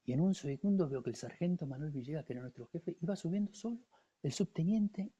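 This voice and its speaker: A man's voice: on the high side, animated, fast talker, warm tone, husky, muffled recording. A man in his sixties with an Argentine accent, a war veteran guest telling his story in the first person, vivid and intense, acting out other people's words. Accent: Argentine Spanish. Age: 60s.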